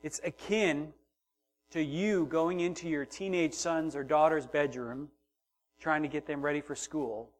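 A man's voice: fairly high pitch, fairly even intonation, a little slow. Impassioned male preacher, rising and falling. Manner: builds from hushed to loud and emphatic, acts out voices. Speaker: pastor. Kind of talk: sermon.

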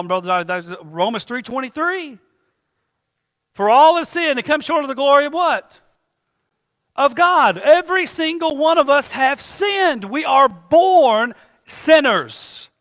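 Preaching in a large-hall church sanctuary, a pastor calls out questions and leaves lines open for the congregation to finish. His voice is very high-pitched and a bit bright.

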